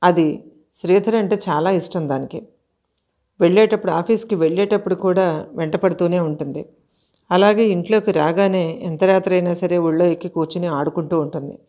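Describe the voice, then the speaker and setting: A woman tells a horror story in an even, measured way, pausing often between phrases. Her voice is low and mellow, with a warm, dark tone. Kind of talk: scripted horror story narration.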